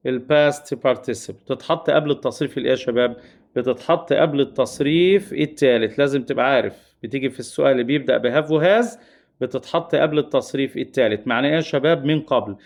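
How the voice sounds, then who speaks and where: A man's voice: medium pitch, a little mellow. A man with an Egyptian Arabic accent teaching English grammar. He repeats his key points and keeps calling his students heroes and dears. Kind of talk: exam-prep grammar lesson.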